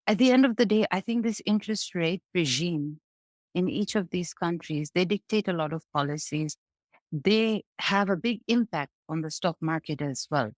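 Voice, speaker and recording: Woman from Bangladesh, lowish voice, conversational market analyst, dry close sound. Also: no echo. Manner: explanatory, conversational, frequent "right?" checks. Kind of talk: interview answers on markets.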